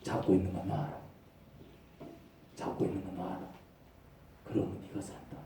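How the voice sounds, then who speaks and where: A man voicing God as a calm, stern father who gives warnings in a low, hushed voice. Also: a little hiss or hum. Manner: low, hushed, slow repeated commands. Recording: echoey church hall, mic far off.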